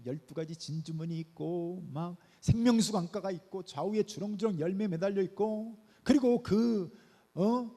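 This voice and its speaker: A man's voice: high-pitched, dark tone, breathy edge. A middle-aged male pastor preaching a midweek sermon, asking the congregation questions and coaxing them with playful asides. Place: church sanctuary. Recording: long reverb of a church hall.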